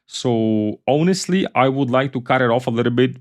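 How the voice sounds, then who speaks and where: A man's voice: medium pitch, lively intonation, normal speed. Tutorial host: a man. Casual and chatty, repeats himself, swears offhandedly. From Ukraine. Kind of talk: casual screen-recorded software tutorial.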